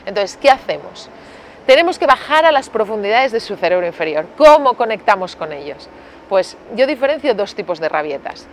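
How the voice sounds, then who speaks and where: A woman pediatrician explaining parenting in an interview, lively and acting out parent and child exchanges, often checking in with "¿vale?". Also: mid-range voice, brisk, a little hiss or hum. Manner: lively, acts out parent and child dialogue in storytelling; uses many filler tags like "¿vale?".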